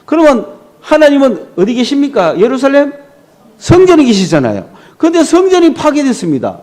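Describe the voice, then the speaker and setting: Lively high-voiced pastor preaching. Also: male voice, fairly quick. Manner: animated storytelling, rhetorical questions to the congregation. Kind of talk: sermon.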